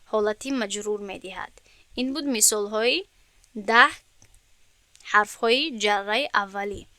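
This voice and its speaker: Clear bright woman teaching grammar. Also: medium pitch, no echo. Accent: Tajik-influenced Persian. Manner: explains step by step, asks students if they understood. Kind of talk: classroom lesson explanation.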